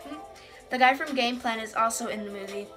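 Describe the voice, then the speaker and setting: High-voiced teenage girl, casually reading aloud. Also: fairly quick, fairly bright tone, soft background music. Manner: amused, self-deprecating asides. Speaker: vlogger. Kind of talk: casual reading aloud from old journal with commentary. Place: small bedroom, indoors.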